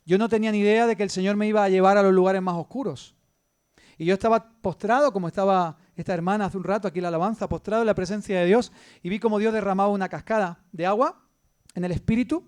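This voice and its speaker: A man with an Andalusian Spanish accent preaches with a high-pitched voice. He swings between loud, emphatic lines and hushed, intimate storytelling. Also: fairly even intonation, quick pace, clean tone. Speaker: pastor. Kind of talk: sermon.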